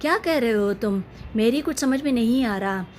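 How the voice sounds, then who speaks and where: A patient but firm young married woman in a family story, read by a woman narrator. She speaks in a measured way with a fairly high voice, turning sharp when pressed. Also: lively intonation, slight background noise, lightly acted. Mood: irritated.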